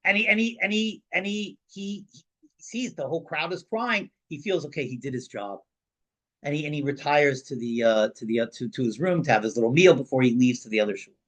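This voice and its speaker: A male rabbi teaching a class in an animated storytelling voice, his pitch sitting fairly high. He often restarts and repeats words as he works toward his point. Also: brisk, poor audio.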